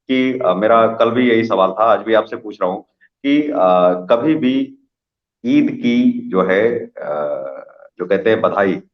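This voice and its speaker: A man's voice: fairly low pitch, reverberant, highs cut off. Argumentative male TV interviewer. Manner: argumentative, long rhetorical questions. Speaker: TV news interviewer. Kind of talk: opinionated live TV interview.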